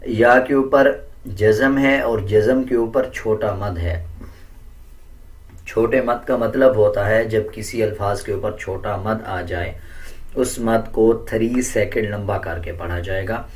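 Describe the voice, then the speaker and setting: A man teaching Quran recitation step by step in a patient, deliberate way, correcting common mistakes. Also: lowish voice, distant mic. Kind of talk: step-by-step pronunciation lesson.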